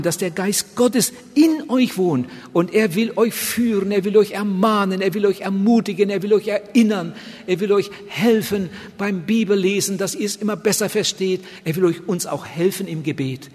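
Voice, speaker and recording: High, husky-voiced preacher man in hall. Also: a little mellow. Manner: earnest, emphatic preaching with acted-out quotes. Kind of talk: sermon. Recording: long hall reverb.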